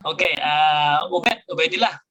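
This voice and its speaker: A man's voice: on the high side, slow pace, bright, forceful tone, highs cut off, a little hiss or hum. A middle-aged male university lecturer explaining a grammar lesson, switching between Indonesian and English.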